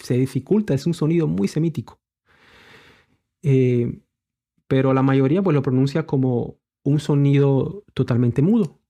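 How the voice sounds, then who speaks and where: A man's voice: medium pitch, dark tone. A man giving a religious lesson, explaining patiently with many fillers and rhetorical questions while pointing to letters on screen. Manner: refers to letters shown on screen. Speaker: bible teacher. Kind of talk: religious teaching.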